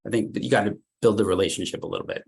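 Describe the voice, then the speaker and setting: A man's voice: fairly low pitch, fairly even intonation, racing, creaky, slightly rough. A middle-aged man giving a casual career workshop, chatty and loose, with lots of "like" fillers and repeated words. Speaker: workshop presenter, consultant.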